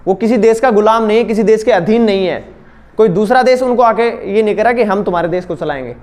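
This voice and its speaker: A man's voice: high voice, fast, darkish tone. A young man teaching a school class, explaining terms step by step and asking his students questions. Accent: Hindi-English mix. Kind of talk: classroom lecture.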